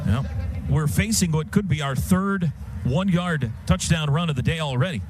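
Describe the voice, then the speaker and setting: This American radio announcer, his voice a little high, delivers football play-by-play live from the stadium booth at a moderate pace. His clipped, vivid phrasing rises to excited calls as loud crowd noise rolls behind him.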